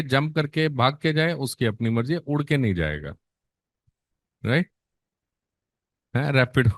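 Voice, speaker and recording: A man with an Indian accent teaching an exam-prep nursing class in Hindi mixed with English, quizzing students with questions and drawing out key terms slowly for emphasis. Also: fairly high pitch, fairly bright tone, no room sound, clean studio sound. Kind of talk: online exam-prep lecture.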